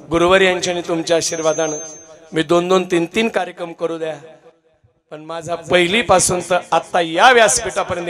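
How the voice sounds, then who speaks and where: A man preaching a devotional kirtan sermon with lively, dramatic storytelling. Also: on the high side.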